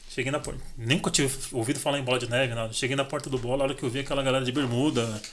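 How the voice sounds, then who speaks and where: A middle-aged Brazilian man, a podcast guest, tells his life story in casual chat, animated and acting out the dialogue. His mid-range voice races along, with a little hiss or hum in the audio.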